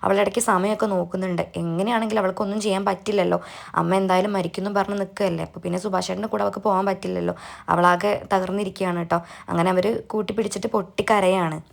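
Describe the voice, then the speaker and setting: A woman's voice: medium pitch, fairly even intonation, very fast, creaky. A woman YouTuber giving a chatty, casual recap of a TV serial episode. She retells each scene and keeps dropping in friendly asides to her viewers.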